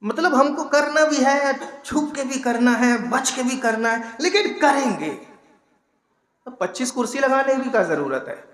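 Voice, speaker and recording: A man delivers a sermon in a high, sharp voice, slipping from quiet talk into loud shouted exhortation. He teases his listeners with mocking asides. The recording carries the roomy echo of a large hall. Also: lively intonation, a little slow. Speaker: Islamic preacher. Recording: echoey hall with long reverb.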